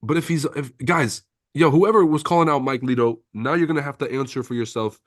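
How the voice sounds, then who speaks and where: Calling everyone bro and swearing freely, a Lebanese trading livestreamer reads viewer comments aloud in a brisk, casual way. French was his first language, and his voice has a typical male pitch. He is miked close, so the sound is dry and free of room echo.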